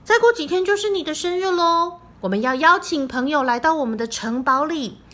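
A woman voicing a gentle mother queen who speaks softly and soothingly. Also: high voice, expressive, fairly quick. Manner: soft, soothing.

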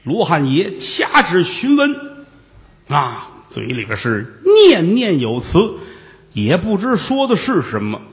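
Storyteller guy, fairly high voice, swoopy and animated, does all the character voices. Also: slow pace. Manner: lively, switches between character voices, chuckling asides. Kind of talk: traditional Chinese comic storytelling.

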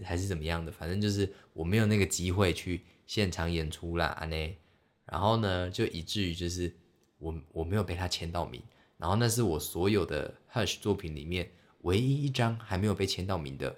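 Young guy, deep voice, rambly self-mocking podcast chat. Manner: rambling, self-mocking storytelling with many fillers. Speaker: podcast host. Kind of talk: solo casual chat.

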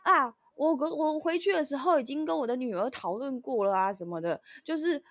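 A woman's voice: high-pitched, brisk, no room sound, studio quality, pitched above the performer's own voice. A woman voicing an irritable older landlady who talks in a curt, defensive way. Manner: snappish, defensive.

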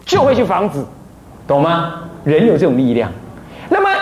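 A man from Taiwan, a Buddhist abbot, giving a dharma talk, mixing in phrases and often asking listeners rhetorical questions. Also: high-pitched. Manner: mixes Taiwanese phrases into Mandarin. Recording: roomy echo, faint noise.

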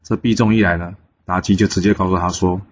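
A man narrating a traditional tale in a lively storytelling manner, switching voices for each character. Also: low-pitched, fast. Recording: dull lo-fi recording with faint background noise.

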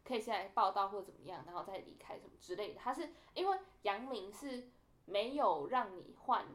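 A young woman tells a story on a casual podcast, talking quickly. She acts out the people she quotes with animated shifts in her voice, which sits in an ordinary middle register. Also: mid-range voice. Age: young adult. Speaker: podcast co-host.

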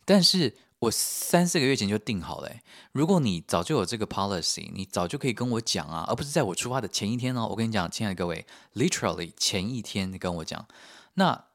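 Guy vlogging, lowish voice, jokey and animated. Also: dry recording, studio quality. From Taiwan. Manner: animated, joking, expressive. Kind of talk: casual storytelling.

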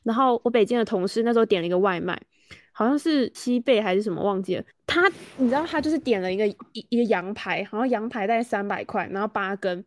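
Speaking fast at a medium pitch, this woman co-hosts a laid-back podcast and grumbles chattily in a Taiwanese Mandarin accent. The recording is dry.

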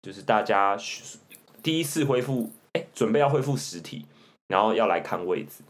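A young man with a Taiwanese Mandarin accent, hosting a casual chat and telling animated stories with bursts of laughter and mimicked voices. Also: on the low side, moderate pace. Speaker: podcast host.

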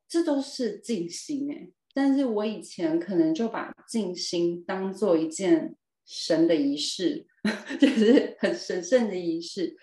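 Guest, woman, 40s; mellow, expressive storyteller, echoey room. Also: medium pitch. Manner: expressive, lively storytelling with laughs and emphatic repeats. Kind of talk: personal storytelling in a podcast interview. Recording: roomy echo.

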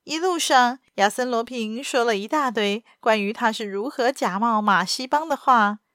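A woman with a fairly high voice reads a novel aloud in steady, even narration. The recording is close and dry, with no room echo behind her. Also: normal speed. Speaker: storyteller.

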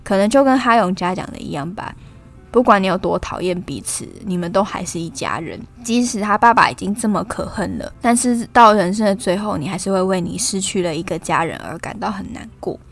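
A woman's voice: medium pitch, lively intonation, a little fast, faint music behind. A woman with a Taiwanese Mandarin accent hosting a casual film review podcast, retelling scenes in a chatty way and acting out quotes. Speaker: podcast host.

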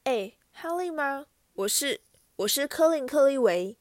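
A woman's voice: on the high side, animated, a little fast, no echo, natural voice. A woman voicing an eager, pleading young schoolboy in a storybook reading, his words tumbling out. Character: eager skinny young boy photographer.

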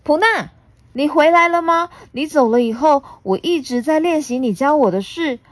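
A woman voicing a big, timid, gentle male dinosaur in a storybook reading, stammering and shaky but earnest. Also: sits high, animated, normal speed, dry recording, voice pushed up.

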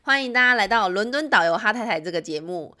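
Bright-voiced chatty woman podcast host. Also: medium pitch, animated, fast talker. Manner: chatty, lots of filler words. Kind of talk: casual podcast monologue.

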